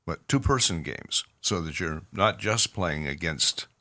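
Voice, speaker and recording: A man with a Canadian accent co-hosting a podcast in casual chat, pausing often on fillers as he talks. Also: sits low, animated, sharp tone. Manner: halting, with many fillers. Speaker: podcast co-host, clinician.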